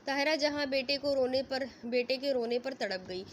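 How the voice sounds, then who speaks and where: A woman's voice: sits high, a little hiss or hum. A woman narrating a novel aloud in a dramatic reading.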